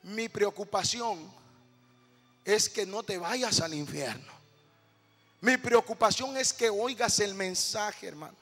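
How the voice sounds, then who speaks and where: High, gravelly impassioned pastor. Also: male voice, expressive, slow pace, soft background music. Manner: impassioned, pleading preaching that swells to shouting. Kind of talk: sermon. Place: church sanctuary. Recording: long church hall reverb.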